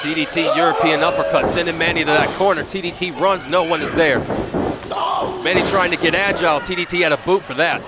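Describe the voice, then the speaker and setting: High-pitched man, excited wrestling commentator. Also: quick pace. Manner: excited shouting calls. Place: live wrestling event with crowd behind. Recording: noisy live event, loud crowd.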